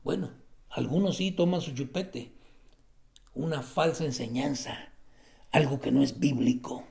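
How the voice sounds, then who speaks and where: A man preaching a sermon, swinging between loud exclamations and hushed emphasis. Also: mid-range voice, a little slow, creaky.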